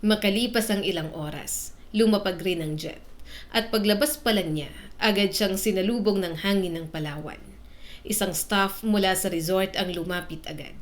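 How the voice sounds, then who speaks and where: A woman telling a romance drama story in scripted, steady narration. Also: mid-range voice, moderate pace.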